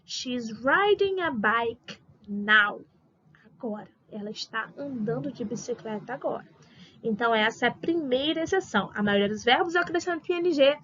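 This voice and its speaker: A woman teacher with a Brazilian Portuguese accent, patiently explaining grammar step by step with slow examples. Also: sits high, pushed and bright, dull audio. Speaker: English teacher. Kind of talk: recorded grammar lesson for adult school.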